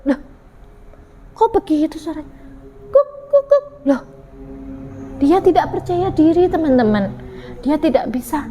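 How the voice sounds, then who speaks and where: A woman's voice: high-pitched, animated, unhurried, long pauses, dark tone, lo-fi sound, soft background music. A young woman telling a story to small children, asking them questions and imitating animal sounds.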